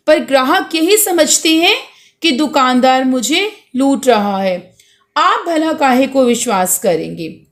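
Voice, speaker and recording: A woman reading the part of a kind, patient male street flute seller who coaxes children affectionately. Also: high-pitched. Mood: earnest. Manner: coaxing, affectionate toward children.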